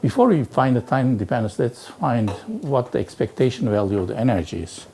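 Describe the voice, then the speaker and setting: A man lecturing on physics, working through exercises aloud in a halting way and peppering his talk with "okay" and "right". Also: mid-range voice, lively intonation, mellow, slight background noise. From Turkey. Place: lecture hall.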